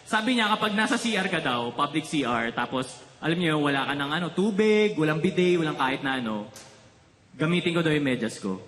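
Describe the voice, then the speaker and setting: A Filipino man performs a stand-up set with a bright, high-pitched voice. His delivery swings up and down as he tells stories and ribs the crowd. The sound carries the echo of a roomy live venue. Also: a little fast. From Philippines. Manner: animated storytelling, teasing the crowd. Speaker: stand-up comedian. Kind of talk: stand-up routine.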